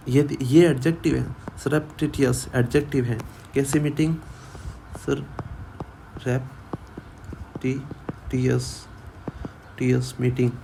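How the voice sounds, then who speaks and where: Slow, repetitive teacher, man. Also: medium pitch, vocal fry, darkish tone, a little hiss or hum. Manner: repeats each word many times, asks and answers own questions. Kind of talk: vocabulary lesson for exam students.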